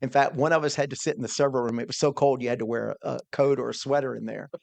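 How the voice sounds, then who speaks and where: A man's voice: medium pitch, steady tone, fast talker, creaky, dry recording. A middle-aged man, a small business owner, telling a personal story in an earnest, conversational way, often restarting his words.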